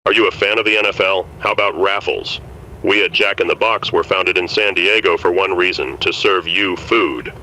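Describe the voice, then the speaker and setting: A man playing a pushy fast-food commercial pitchman in a parody ad read. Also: sharp tone, rough recording. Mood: salesy. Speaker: commercial announcer.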